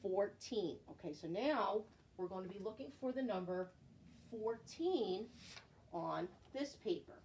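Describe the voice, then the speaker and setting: A middle-aged woman with a mellow, medium-pitched voice teaches small children in the manner of a kids show host. She asks simple guiding questions and repeats key words. It is recorded in a living room with clear background noise. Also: lively intonation, measured pace.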